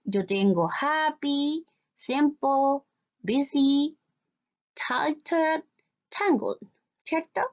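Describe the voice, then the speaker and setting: High-voiced Chilean woman teacher. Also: highs cut off. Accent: Chilean Spanish. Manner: explains step by step, often asks "¿cierto?". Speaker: English teacher. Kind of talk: recorded class for schoolchildren.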